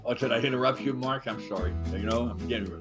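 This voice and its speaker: A man in his eighties, co-hosting a casual chat show, rambling with many halting restarts and fillers. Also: mid-range voice, over music. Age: 80s. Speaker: podcast co-host. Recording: dull lo-fi sound.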